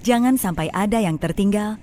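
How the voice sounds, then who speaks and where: A woman giving a formal, polite train announcement over an onboard loudspeaker, measured and evenly paced. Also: medium pitch, noisy background. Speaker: recorded station announcer.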